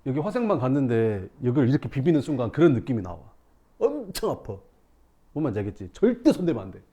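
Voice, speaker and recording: Male teacher, young adult, class storytelling, lively voice, acts out scenes, mid pitch. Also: very fast. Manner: animated, acts out scenes with shouts and sound effects. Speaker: math teacher.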